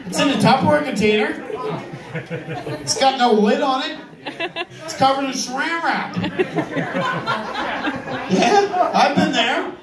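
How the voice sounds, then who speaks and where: Male stand-up comedian, exasperated and sweary, heard from a distance in an echoey venue with audience laughter. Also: very high-pitched. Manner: conversational, profane, exasperated complaining. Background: crowd laughter.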